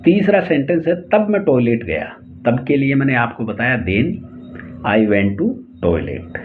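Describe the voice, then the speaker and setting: A man with an Indian accent teaching English tenses in Hindi, slowly spelling out each example sentence word by word. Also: medium pitch, animated, faint music behind. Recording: tinny phone-like lo-fi audio, faint hiss.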